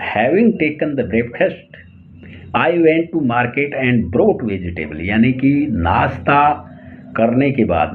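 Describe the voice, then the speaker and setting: A man with an Indian accent teaching English tenses in Hindi, slowly spelling out each example sentence word by word. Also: medium pitch. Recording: tinny phone-like lo-fi audio, faint hiss.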